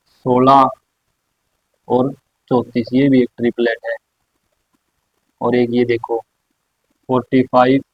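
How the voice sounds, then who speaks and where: A man teaching a maths lesson at a board, explaining slowly and repeating his own questions for the class. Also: mid-range voice, no echo. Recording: dry, slightly dull lo-fi sound.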